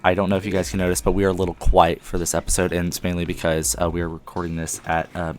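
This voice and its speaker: A man's voice: deep voice, completely flat delivery, racing. A young man hosting a casual podcast chat, rambling with lots of ums. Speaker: podcast host. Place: friend's house at night. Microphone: one mic shared with a co-host.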